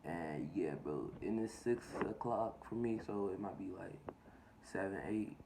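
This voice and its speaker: A man's voice: low voice, unhurried, creaky. A young American man chatting casually in slang and repeating himself as he narrates a home cooking vlog. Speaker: vlogger. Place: home kitchen. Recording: noisy home recording with clicks.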